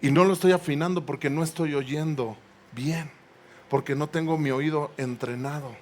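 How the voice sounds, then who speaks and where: Soft background music plays as a pastor preaches in a church sanctuary, his fairly high voice moving at normal speed. His sermon climbs to emphatic peaks, calls on the congregation for responses, and includes playful asides.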